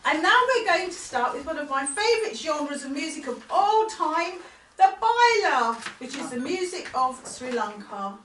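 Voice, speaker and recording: Lively high-voiced woman host. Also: moderate pace, slight background noise. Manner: animated, laughing. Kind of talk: casual introductions at a sing-along. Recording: roomy hall from a distance.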